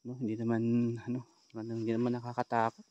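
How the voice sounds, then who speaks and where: A man vlogging a ghost hunt, talking to his viewers in a low, subdued voice as he walks outdoors at night. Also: monotone, fast, a little mellow, no room sound, highs cut off. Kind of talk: hushed night-walk narration to viewers.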